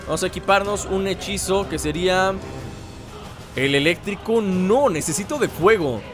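A man narrates his gameplay in an easygoing let's-play style. He playfully heckles the enemies with mock insults as he goes. Loud game music plays behind him the whole time. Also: high-pitched. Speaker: gameplay commentator. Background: game music and sounds.

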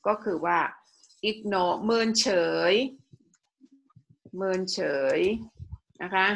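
A woman from Thailand teaching an English lesson, explaining slowly and leading the class in repeating phrases, with many polite particles. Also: medium pitch, fairly even intonation, rough recording. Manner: slow, drawn-out explaining with frequent polite sentence particles. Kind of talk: classroom language lesson with choral repetition.

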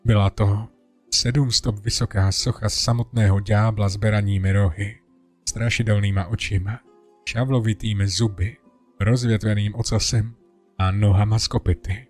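A man reading a first-person horror story in a steady, dramatic way over a music bed. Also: fairly low pitch. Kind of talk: scripted horror narration.

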